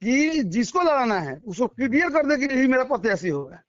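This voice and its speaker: A middle-aged local politician from Bihar, India, speaks with a Bihari accent during a phone interview, emphatic and repetitive in colloquial language. His very high voice is sing-song and fairly quick, with no echo, over dull, lo-fi phone audio.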